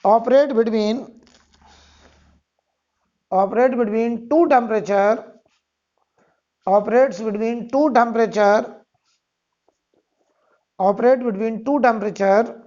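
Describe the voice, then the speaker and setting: A teacher with an Indian accent dictating lecture notes, repeating phrases slowly word by word. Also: mid-range voice, darkish tone. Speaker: physics teacher. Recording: dull, muffled lo-fi sound.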